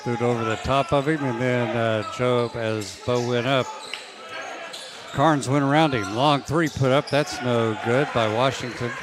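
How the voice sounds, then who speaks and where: A man calling live basketball play-by-play, quick and rising when baskets fall. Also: medium pitch. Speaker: play-by-play announcer. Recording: noisy gym broadcast.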